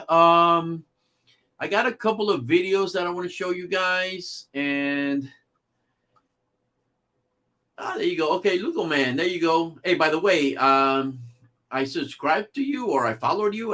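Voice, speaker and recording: A man's voice: on the high side, moderate pace, fairly bright tone. A man hosting a casual livestream about theme park news, talking loosely with many fillers and restarts. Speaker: livestream host.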